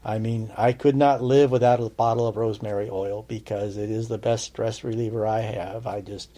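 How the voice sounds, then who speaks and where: A man's voice: fairly low pitch, fairly even intonation, moderate pace, warm tone. A man giving a casual spoken lesson on herbs for a podcast, chatty and checking in with his listeners, with dry sarcastic asides. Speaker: herbal lore teacher on a podcast.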